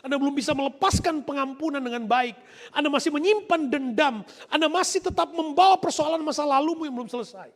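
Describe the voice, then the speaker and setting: Male pastor, high and very expressive preaching voice, soft then loud emphasis, reverberant church hall. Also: fast talker, gravelly. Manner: animated preaching, swinging between soft asides and loud emphatic lines. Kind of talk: live-streamed church sermon.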